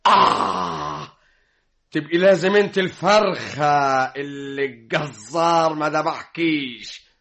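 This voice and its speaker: A man's voice: on the high side, big pitch swings, unhurried, pushed and bright, full character voice. An Egyptian man playing a scheming husband who feigns madness, in old radio comedy style with a theatrical manner. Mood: feigned madness. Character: scheming husband feigning knife-waving madness to scare maid.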